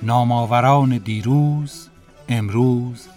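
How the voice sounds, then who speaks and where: A man narrating a textbook lesson story in a measured, careful reading voice. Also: medium pitch, a little mellow, soft background music.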